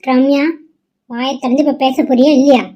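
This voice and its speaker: A woman voicing a worried middle-aged mother in a cartoon, loud and demanding as she scolds her daughter. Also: high-pitched, little pitch movement, normal speed. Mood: scolding. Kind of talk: cartoon voice acting.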